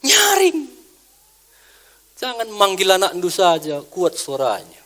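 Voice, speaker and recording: A male pastor, preaching a sermon in an animated way, dropping to soft asides and rising to loud exclamations. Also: a little high, moderate pace. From Indonesia.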